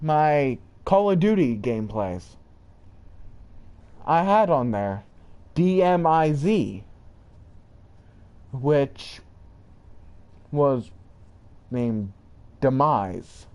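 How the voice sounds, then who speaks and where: Slow, rambling young man. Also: big pitch swings, a little mellow, clean tone. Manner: rambling, halting, jumps between high and low pitch. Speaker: channel creator. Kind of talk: rambling lore monologue.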